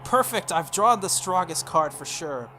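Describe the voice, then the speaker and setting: A video game playthrough host reads a visual novel aloud with dramatic delivery, tossing in casual asides over game music. His voice is high, expressive, and sharp at a measured pace, with a little hiss or hum in the recording.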